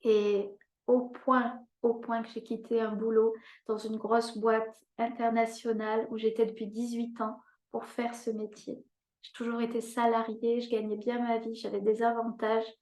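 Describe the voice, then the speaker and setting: A woman's voice: on the high side, completely flat delivery, measured pace, a little mellow, roomy sound. A woman in her fifties giving a live coaching talk, earnest, repeating and stressing key words and often checking in with her listeners. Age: 50s. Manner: addresses listeners directly with frequent "hein?". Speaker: life coach.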